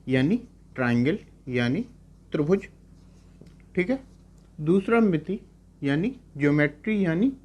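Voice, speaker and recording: A young man teaching math in a lecture, explaining step by step and often asking "clear?" to check. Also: fairly high pitch, darkish tone. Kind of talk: classroom lecture on trigonometry.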